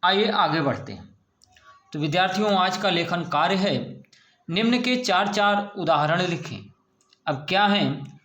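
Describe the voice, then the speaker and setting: A teacher walks students through a grammar lesson, repeating each question and answer in a slow, deliberate rhythm. His voice sits high for a man. The recording carries a noticeable room echo. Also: lively intonation, fairly bright tone. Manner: slow, drawn-out words with question-and-answer drilling.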